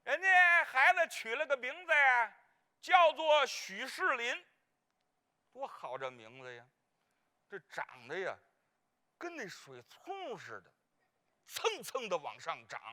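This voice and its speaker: Pitched high, bright and pushed, the unhurried, exaggerated voice belongs to a performer in a Peking opera clown role. Playing a comic, gossip-loving wife with a Beijing accent, she wanders and stumbles through her lines, fumbling names.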